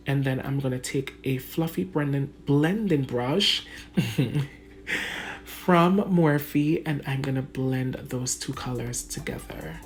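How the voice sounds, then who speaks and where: A beauty vlogger with a Jamaican accent narrates a makeup tutorial from a brightly lit room at home, chatting casually, laughing often, and calling her viewers "guys." Her voice sits low, with a little hiss or hum in the recording.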